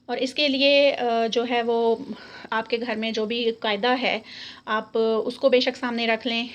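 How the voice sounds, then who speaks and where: A woman teaching an online Quran recitation lesson, patiently repeating each letter sound slowly. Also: a little high, dull audio.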